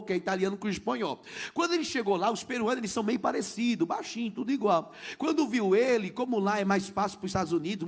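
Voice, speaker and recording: A middle-aged Brazilian man with a Brazilian Portuguese accent, a missionary pastor preaching and telling his testimony in a lively way, acting out the people in his story. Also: sits high. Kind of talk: sermon testimony.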